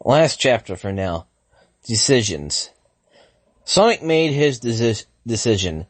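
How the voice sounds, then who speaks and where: A man reads fan fiction aloud at a slow, halting pace, often tripping over words and starting lines again. Now and then he breaks off to react to what he is reading. His voice sits in a middle register, recorded dry and close. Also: medium pitch, big pitch swings, no echo. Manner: stumbling, frequent self-corrections and restarts; thinks aloud, stops to react to the text. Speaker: fanfiction reader.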